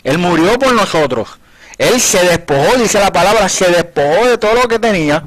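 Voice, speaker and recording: A man with a fairly high voice teaching from the Bible in an earnest, conversational way. He retells scripture scenes as quoted dialogue and restarts his phrases often as he works through a point, heard on a radio Bible program. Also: animated, moderate pace, fairly bright tone, rough recording. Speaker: preacher on a Bible study program.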